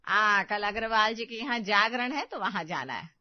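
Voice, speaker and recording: A woman voicing a bossy older mother-in-law in an animated story, speaking bluntly and giving orders. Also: mid-range voice, normal speed, lightly acted. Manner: commanding, blunt. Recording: dull lo-fi dry recording.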